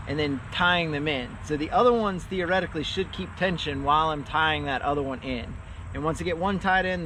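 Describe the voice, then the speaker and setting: A man's voice: on the high side, slight background noise. A man talking casually outdoors on his farm, hot and out of breath, rambling with lots of filler sounds. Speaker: farm vlogger. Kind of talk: casual outdoor vlog narration.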